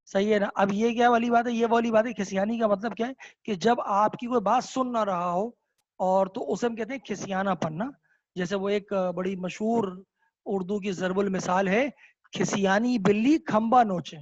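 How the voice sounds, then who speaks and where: A man's voice: high-pitched, no echo. Male teacher, online class, explanatory and checks in often, dry and somewhat lo-fi call audio. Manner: explanatory, keeps checking with students; mixes English words into speech.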